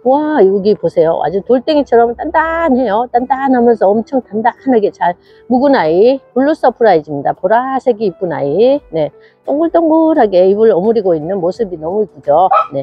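Bubbly woman showing off succulents, husky voice. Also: fairly high pitch. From South Korea. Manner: bubbly and cheerful, frequent gasps and exclamations. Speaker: succulent plant seller. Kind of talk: casual product showcase. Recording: dull lo-fi sound with faint music.

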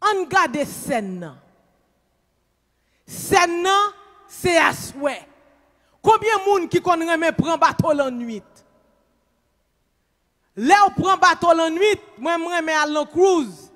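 A middle-aged Haitian woman preaching a sermon in a church, shouting with emphasis into a handheld mic. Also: extremely high pitch, animated, takes it slowly, long pauses. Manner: emphatic, shouting, switches between Creole and English. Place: church stage, indoors. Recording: long reverb in church hall.

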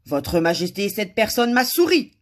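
A woman voicing a gloomy, gruff palace guard as she reads a children's story aloud. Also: medium pitch, big pitch swings, normal speed, voice pushed up, close to an everyday voice. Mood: stern. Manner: lugubrious and gruff.

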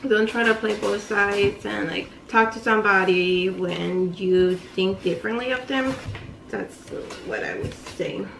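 A woman's voice: medium pitch, unhurried, creaky, a bit bright. A woman hosting a casual couple vlog, chatty and laughing often as she asks questions. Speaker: vlogger host. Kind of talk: casual chat. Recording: echoey room, voice a bit far off, faint ambient noise.

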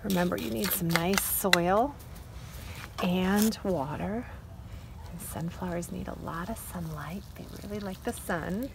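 In a fairly low, creaky voice, a middle-aged woman acts as a preschool teacher, deliberately and expressively reading aloud and instructing young kids. Background noise can be heard.

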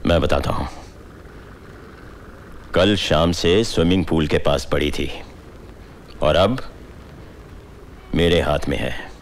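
A stern wealthy father in a film drama, slow and commanding. His voice sits very low and he takes his time. Faint ambience lies behind him. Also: slight background noise, exaggerated voice. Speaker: father-in-law figure, family patriarch.

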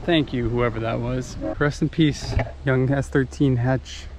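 A man's voice: medium pitch, fairly even intonation, a little slow, noisy background. A young man with a Midwestern American accent, casually commenting to himself as he films cars in an outdoor junkyard. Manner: offhand, muttering car names to himself. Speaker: car vlogger. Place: outdoor junkyard, later inside a car. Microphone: handheld action camera.

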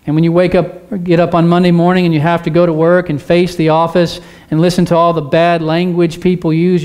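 This slightly high, somewhat mellow male voice has a clean tone. It belongs to a pastor delivering a church sermon, pressing his listeners with repeated phrases and rhetorical questions in an earnest, repetitive exhortation.

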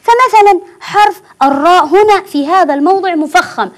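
A high-voiced woman teaches children Quran recitation in a TV studio. She speaks patiently, stretching words slowly and repeating each syllable so the children can copy her.

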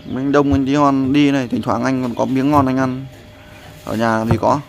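A man's voice: medium pitch, level tone, moderate pace, gravelly. Rambling man vlogging. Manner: rambling, repeats "there" often, coaching someone. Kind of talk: casual vlog narration and instructions.

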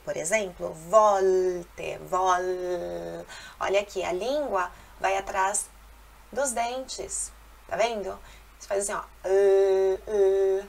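A woman with a Brazilian Portuguese accent gives an Italian lesson, her voice carrying a gravelly edge of fry. She explains pronunciation patiently and drawls single words again and again so learners can imitate them. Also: mid-range voice. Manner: patient, repeats sounds slowly for imitation. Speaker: Italian teacher.

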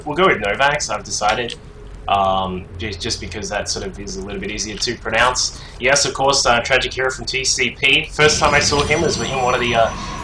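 Bright-voiced casual male game caster. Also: medium pitch, a little hiss or hum, poor audio. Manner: casual, rambling, many fillers. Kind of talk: solo esports commentary. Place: home computer setup.

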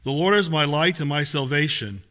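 A man with a fairly high voice reads scripture in a small church sanctuary. His reading is steady and measured, and he sounds picked up from across the room by a distant camera. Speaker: lay reader.

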